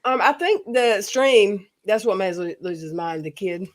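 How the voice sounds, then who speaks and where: A woman's voice: medium pitch, animated, moderate pace. A woman in a casual chat with a friend, speaking candidly and rambling, often trailing off. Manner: candid, rambling, frequent fillers and restarts. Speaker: co-host of a chat video.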